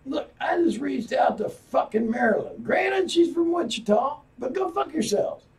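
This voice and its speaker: A tipsy man hosts his own podcast, rambling and cursing, with his voice swinging high and low and breaking into loud bursts. His tone is gravelly and dark, and he sits a little back from the mic. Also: animated, normal speed. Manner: profane, meandering, loud outbursts. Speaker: podcast host. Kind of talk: rambling solo podcast talk. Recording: voice a bit far from the mic.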